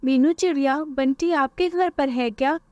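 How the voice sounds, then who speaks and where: A woman's voice: high-pitched, unhurried, dark tone, no echo, voice pushed up. Lady playing a worried mama bird, anxious, dry close sound. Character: worried mother bird searching for son.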